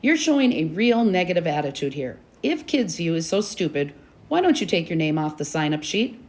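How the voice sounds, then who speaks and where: A woman's voice: lowish voice, sing-song, fairly quick, a little mellow. A woman reading a bossy, defiant schoolgirl. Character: bold fifth-grade girl, bossy and defiant.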